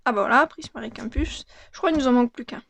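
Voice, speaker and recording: A young woman casually opening and commenting on trading cards, reading them out in a soft, murmured voice that often drops to a half-whisper. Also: a little high, fast talker, creaky, no echo. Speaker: card unboxing vlogger.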